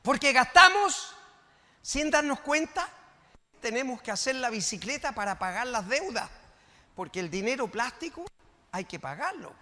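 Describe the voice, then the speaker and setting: An older man with a Chilean accent preaching a sermon in church, swinging from quiet teaching to shouted emphasis. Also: extremely high pitch, very animated, normal speed, long reverb tail. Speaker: pastor. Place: church sanctuary.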